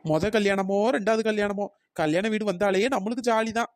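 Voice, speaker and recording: A woman's voice: mid-range voice, fairly quick, no room sound, studio quality, voice pushed down, close to an everyday voice. A woman voicing a cheeky, gossipy village woman who loves wedding food, in a cartoon story. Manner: cheeky, chatty.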